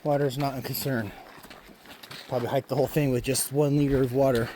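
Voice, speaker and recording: A man's voice: mid-range voice, little pitch movement, quick pace, warm tone. Man, hiker vlogger, casual trail chat into a phone, outdoor noise audible. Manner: chatty, talking while hiking downhill. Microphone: handheld phone. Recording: clear outdoor background noise.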